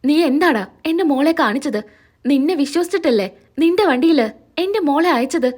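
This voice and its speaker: A woman's voice: high-pitched, animated, normal speed, darkish tone. A woman reading the lines of an angry middle-aged father whose daughter has gone missing. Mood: accusing. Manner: accusing.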